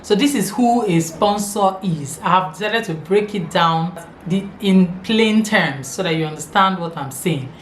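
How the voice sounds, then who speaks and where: Female video host, Nigerian accent, emphatic explainer delivery with repeated key phrases, echoey room with faint noise behind. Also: medium pitch. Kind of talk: informal explainer to camera.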